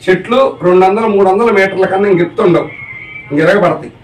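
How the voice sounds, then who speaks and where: A man's voice: high-pitched, fast, roomy sound, distant mic, soft background music, rough recording. A man giving a religious discourse to a live audience as a spiritual teacher, often putting questions to the listeners. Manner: keeps asking the audience questions.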